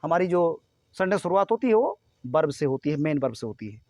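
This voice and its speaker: A man with a high voice teaches a grammar lesson to students. He explains step by step and keeps checking that they follow. The sound is close and dry, with almost no room. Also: big pitch swings, fairly quick, a little mellow, no echo.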